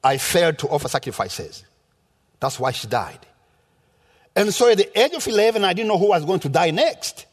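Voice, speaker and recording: Here a man from rural Rwanda, a visiting preacher, shares a sermon and personal testimony in his Rwandan accent. He speaks at a moderate pace in a high, sing-song voice, teaching with emphasis and plenty of repetition, and the hall around him rings with reverb.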